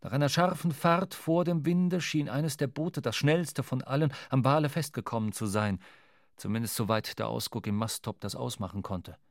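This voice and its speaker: An actor narrating as a young sailor recounting a whaling voyage, in measured, scripted storytelling. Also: male voice, medium pitch, dry recording, studio quality, lightly acted.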